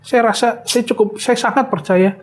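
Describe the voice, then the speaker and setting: A middle-aged man giving an emotional personal testimony in an interview, speaking hesitantly with many pauses. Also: very high voice. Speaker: interview guest, bereaved father.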